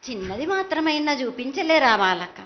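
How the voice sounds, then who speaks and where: A woman's voice: high voice, big pitch swings, moderate pace, over music. A woman with a Telangana accent speaking in a prophetic trance voice as an oracle of the mother goddess, insistent, commanding and repetitive. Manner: insistent, commanding, repetitive, addressing devotees as children. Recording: dull lo-fi sound.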